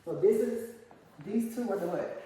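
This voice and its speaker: A woman's voice: mid-range voice, moderate pace, mellow, a little hiss or hum. Patient woman teaching in an echoey room. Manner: patient, asks questions and repeats the student's answers. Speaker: reading teacher. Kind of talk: one-on-one phonics lesson. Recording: echoey room, long reverb.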